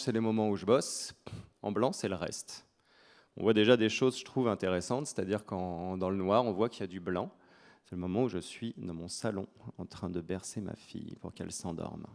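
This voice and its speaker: Man, French accent, low-pitched voice, conference speaker, informal, self-deprecating humour. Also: a little mellow, clean tone. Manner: colloquial, self-deprecating, joking.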